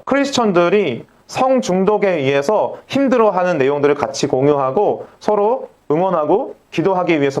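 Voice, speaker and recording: High-voiced Korean pastor preaching. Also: male voice. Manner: rhetorical questions, addresses congregation directly; acts out quoted voices within the sermon. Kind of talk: sermon.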